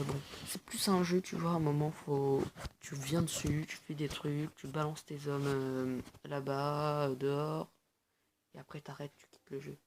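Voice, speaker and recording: A woman's voice: deep voice, background noise. A woman giving casual gameplay commentary, chatty and explaining things to viewers with lots of fillers. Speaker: gaming video host.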